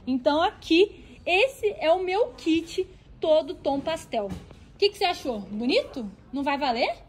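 A woman's voice: extremely high pitch, a little slow, faint music behind. A woman with a Brazilian Portuguese accent chatting to viewers in a shopping vlog as she browses a stationery store. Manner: animated, talks to viewers while browsing.

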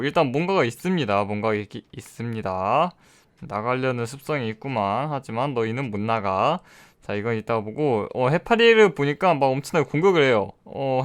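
A man's voice: mid-range voice, smooth. A young man giving casual, joking commentary while he plays and reviews a game mod, often talking to the characters on screen. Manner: chatty, jokes and talks to game characters, laughs often.

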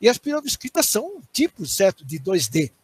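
An older professor with a Brazilian Portuguese accent speaks over a headset on a video call from a small home study. His voice sits high for a man and has a husky edge. He explains in a steady teaching manner and keeps checking that his listeners follow. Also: a little fast. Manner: explanatory, tags phrases with "certo?" and "né?", frequent restarts. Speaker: university professor giving a guest lecture. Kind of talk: online lecture answering audience questions.

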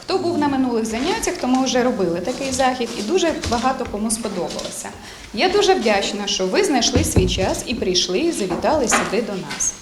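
A woman's voice: a little high, sing-song, fairly quick. A woman organizer welcoming the audience and thanking them for coming. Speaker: event organizer. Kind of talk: welcoming remarks. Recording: echoey room from a distance, noisy.

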